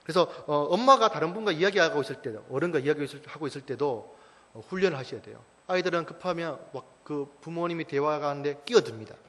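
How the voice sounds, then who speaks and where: A man's voice: on the high side, fast talker, fairly bright tone. A man in his thirties, a church staff speaker, giving an emphatic parenting talk to a mothers' group and firing rhetorical questions at the audience. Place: church hall. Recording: long church-hall reverb.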